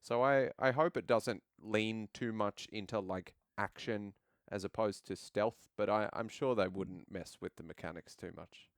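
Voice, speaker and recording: A man hosting a casual gaming podcast, talking with lively enthusiasm. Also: lowish voice, measured pace, no room sound, studio quality. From Australia. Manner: animated, enthusiastic, acts out his own reactions. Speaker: podcast host. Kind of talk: casual chat.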